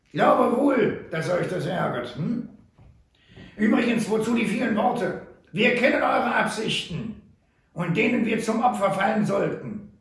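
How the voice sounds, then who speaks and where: A man voicing a sly, mocking old male trapper who drawls slowly in a high, gravelly voice. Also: animated, distant mic. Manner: slow, teasing drawl. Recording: roomy echo.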